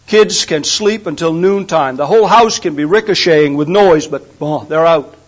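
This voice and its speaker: Older male preacher, high-pitched, homespun humor, muffled lo-fi sound. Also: moderate pace. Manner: folksy storytelling with humor. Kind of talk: sermon. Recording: dull lo-fi recording.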